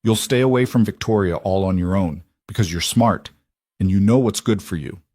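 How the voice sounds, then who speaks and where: A man doing a menacing wealthy man who speaks with a false, pleasant politeness. The voice sits low and a little husky, in a dry close-miked read. He threatens calmly and never shouts. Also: normal speed, no echo, natural voice. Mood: calm menace. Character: cold menacing rich man, smooth-talking.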